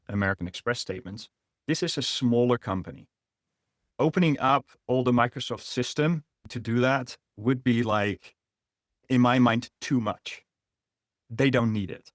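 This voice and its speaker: With a mid-range voice on a dry, studio-quality recording, a middle-aged Dutch-accented man from the Netherlands gives an explanatory business webinar online, peppered with fillers and restarts.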